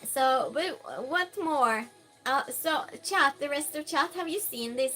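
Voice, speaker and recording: Faint music plays behind a woman whose high, sharp voice is expressive and unhurried. Speaking English with a Norwegian accent, her native language being Norwegian, she reads viewer messages on a live stream in casual chat, full of fillers and restarts.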